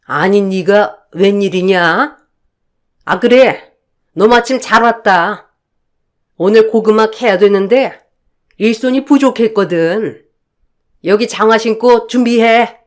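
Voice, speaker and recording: A woman's voice: mid-range voice, slow pace, long pauses, close to an everyday voice. A woman voicing a pushy, scornful older mother-in-law in storybook dialogue, scolding and indignant. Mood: bossy.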